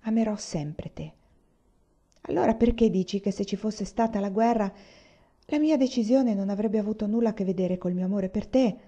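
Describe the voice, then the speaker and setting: A woman reading aloud, voicing a young bride who speaks in a calm, practical and gentle way. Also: medium pitch, moderate pace, muffled recording, lightly acted.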